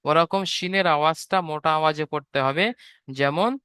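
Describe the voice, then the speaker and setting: A man's voice: fairly high pitch, normal speed, bright, forceful tone, clear, resonant tone, dry recording. A man teaching Quran letter sounds patiently, repeating each point and drawing out every sound. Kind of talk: step-by-step online lesson.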